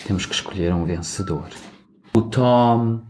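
A man with a European Portuguese accent co-hosting in a relaxed, friendly, talkative chat. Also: lowish voice, measured pace, a little hiss or hum. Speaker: co-host. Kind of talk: casual chat.

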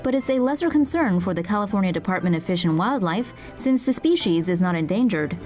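A woman narrating scripted news stories in a steady, earnest way. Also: mid-range voice, fairly quick, faint music behind.

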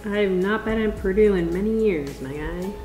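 A woman's voice: mid-range voice, normal speed, reverberant, over music. A woman in her twenties chatting casually and rambling in asides to the viewer, chewing and eating while she talks. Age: 20s. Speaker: vlogger. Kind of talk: casual chat over a meal. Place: small room at a dining table, indoors.

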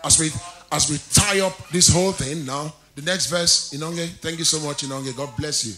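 A man's voice: on the high side, normal speed, bright, forceful tone. A man preaching a sermon in a church, jovial and laughing often, repeating key phrases with rising emphasis. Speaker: pastor.

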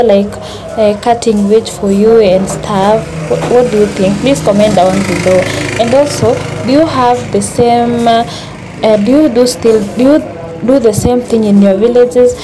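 A woman's voice: fairly high pitch, warm tone, a little hiss or hum. A young woman with a Kenyan accent chatting casually to her viewers, asking them questions, with plenty of fillers. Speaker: vlogger. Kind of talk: casual vlog chat to viewers. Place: busy outdoor village market at dusk.

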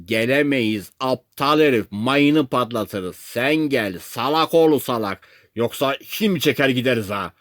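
Man putting on rude rescue sailors in a storybook, shouting abuse by megaphone, raised pitch. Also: moderate pace, no echo, clean studio sound, natural voice. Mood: yelling. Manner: yelling insults through a megaphone. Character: angry shouting male lifeboat sailors.

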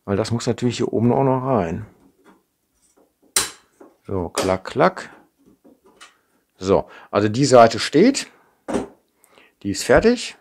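A man's voice: mid-range voice, sing-song, slow pace, gravelly, long pauses, a little mellow, slight background noise. A middle-aged man from the Ruhr area with a Ruhr German accent, chatting and thinking aloud as he demonstrates assembling a kit at his workbench, often tagging sentences with a questioning "ne?". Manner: chatty, thinking aloud while working, frequent "ne?" tags. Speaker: model kit maker. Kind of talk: unscripted hands-on build demonstration. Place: indoor workbench. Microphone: camera mic over a tabletop, hands in frame.

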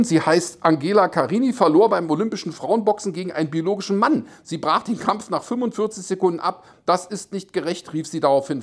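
A man delivers a satirical news rundown in a breathy, slightly raspy voice. His pitch jumps up and down as he mocks each story. He rambles and chuckles at his own jabs. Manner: mocking, rambling, laughs at his own jokes. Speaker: satirical commentator. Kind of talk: sarcastic news commentary. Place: Las Vegas.

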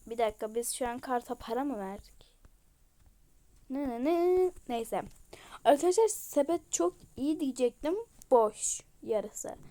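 A woman giving casual, excitable commentary as she plays a game, gushing over cute things. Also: high voice, measured pace. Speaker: game vlogger.

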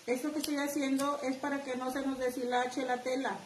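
A woman's voice: sits high, little pitch movement, a little fast, distant mic. A middle-aged woman with a northern Mexican accent teaching a live craft class, chatty and talking straight to her viewers. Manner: chatty, addresses viewers directly. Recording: echoey room, faint background noise.

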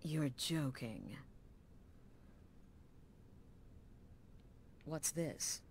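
A woman's voice: low voice, animated, slow pace, a little mellow, slight background noise, heavily acted. An actress voicing a hard-edged female assassin guild leader in a video game, blunt and commanding with a wry edge. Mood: stern. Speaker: game character.

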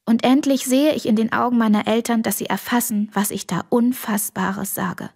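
Woman reading a first-person audiobook, expressive, whispery at times. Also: fairly high pitch, normal speed, vocal fry, slightly rough. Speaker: audiobook narrator.

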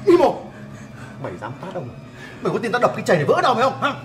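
A man's voice: high-pitched, wildly swooping pitch, rapid-fire, over music. An actor playing a lecherous, bullying man who coaxes and then threatens. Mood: threatening. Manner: threatening, coaxing then snarling. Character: lecherous menacing adult man, bullying and crude.

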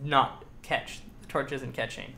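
Bright-voiced man running a tabletop game. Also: mid-range voice, steady tone, measured pace, gravelly. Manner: rambling with many fillers. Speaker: game master.

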